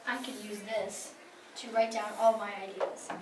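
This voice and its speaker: A woman giving quick playful improvised answers, tossing in little sound effects. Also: medium pitch, steady tone. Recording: echoey room, distant mic, noisy.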